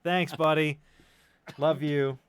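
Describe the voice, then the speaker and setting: A middle-aged man hosts a casual online group stream, chatting in a rambling, hesitant, joking way. He's a stream host and audio drama sound designer whose slightly high voice keeps a steady tone and takes its time. The sound is clean, with no echo.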